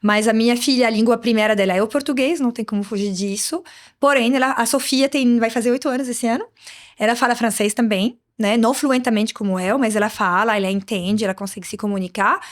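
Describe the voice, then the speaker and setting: This is a woman in her thirties, an Arabic speaker, chatting as a guest in a relaxed interview. Her voice sits a bit high, and she talks in a lively, sociable way, often dropping small tag words at the end of her sentences. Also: fast talker. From Morocco. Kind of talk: casual interview conversation.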